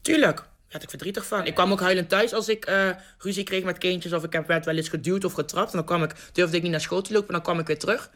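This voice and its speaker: Lively woman telling a story. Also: on the low side, fast talker, few pauses. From Netherlands, North Brabant. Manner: lively, vivid storyteller who restarts sentences and acts out scenes. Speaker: interviewee. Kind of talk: personal storytelling interview.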